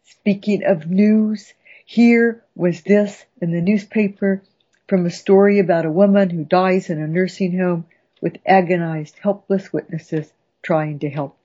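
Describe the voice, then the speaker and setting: Woman radio poetry host, unhurried and theatrical, with a mellow, breathy voice on a dull lo-fi recording. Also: on the low side, fairly even intonation. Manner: dramatic, savoring recitation. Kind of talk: slow expressive radio poetry reading.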